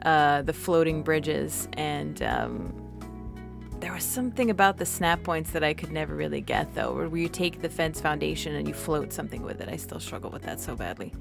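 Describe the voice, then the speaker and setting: A woman from New York chats on a game stream in a lowish voice, telling stories in a rambling way with many restarts. Faint music plays behind her. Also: animated, moderate pace, vocal fry. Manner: rambling, chatty storytelling with many restarts and laughs. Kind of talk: casual chat while gaming.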